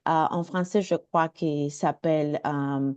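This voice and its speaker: A lowish-voiced woman with a foreign, Mexican Spanish accent speaks slowly and softly mellow. She gives an informal self-introduction, halting and apologetic as she hunts for words in her second language. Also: fairly even intonation, smooth, lo-fi sound. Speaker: networking meeting participant introducing herself. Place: indoors, video call.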